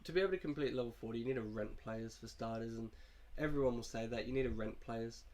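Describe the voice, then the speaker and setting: A young male gaming YouTuber, sick and coughing, chats in an easygoing, rambling way about his video game team. His medium-pitched voice is fast and a little mellow.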